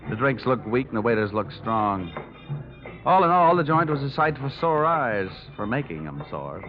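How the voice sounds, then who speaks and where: In an old 1940s-50s radio detective drama, a male actor with a medium-pitched, American-accented voice plays a wry, hard-boiled insurance investigator, delivering both narration and dialogue. His lightly acted performance is wisecracking and sardonic, on a dull vintage recording with music.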